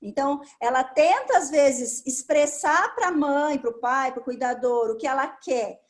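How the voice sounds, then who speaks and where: Slightly slow and high-pitched, this Brazilian speech therapist with a Brazilian Portuguese accent walks through her explanations patiently, one step at a time, as an interview guest.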